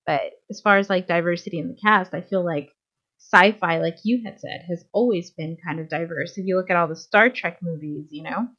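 A woman's voice: fairly low pitch, brisk, a bit bright. Female co-host, eager casual talker, slightly dull recording. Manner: enthusiastic, chatty, many fillers. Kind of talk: casual chat. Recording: dull lo-fi sound.

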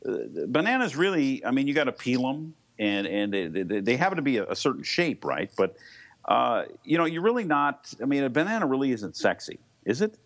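A man's voice: mid-range voice, sing-song, fairly quick. A man co-hosting a talk radio show in a casual, rambling conversational way.

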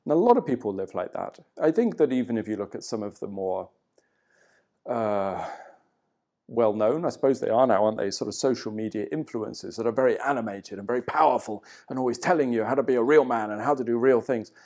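A man's voice: mid-range voice, lively intonation, a little fast, darkish tone. A man giving a casual, conversational qigong lesson from a hotel room, talking loosely with plenty of "you know". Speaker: qigong teacher. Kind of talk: casual spoken teaching.

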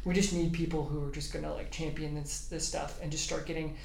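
Brisk and flat, this mid-range voice belongs to a podcast host in a casual conversational interview. The talk is rambling, emphatic and informal, padded with "like" and "you know", and the audio carries a roomy echo plus clear background noise.

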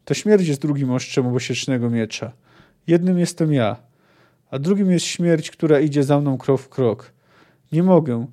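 A weary, stoic monster hunter in a read-aloud story, as a man reads him, terse and resigned. His voice is low, mellow and dark. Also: moderate pace, lightly acted. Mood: grim resigned.

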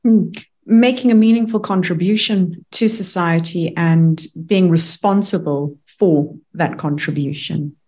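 A woman hosts an interview show and puts her questions to a guest. Her voice is a touch low and mellow, and she speaks in a measured, composed way. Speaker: interview host.

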